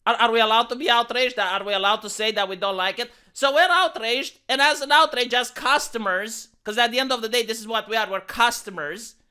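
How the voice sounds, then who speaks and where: A man's voice: very high-pitched, fairly quick, hardly any pauses, pushed and bright, clean tone. A YouTuber man ranting in sarcastic, indignant commentary, often repeating words as he gets worked up.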